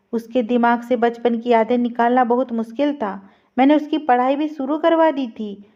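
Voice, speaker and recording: High-voiced woman reading a sad story. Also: warm tone. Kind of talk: scripted narration of an emotional story. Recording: slightly dull lo-fi recording.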